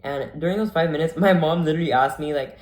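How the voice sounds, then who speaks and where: A man's voice: a little high, quick pace. A young man telling a story casually, full of "like" and acted-out quotes. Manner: chatty, full of "like", acts out quoted voices. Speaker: vlogger. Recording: echoey room.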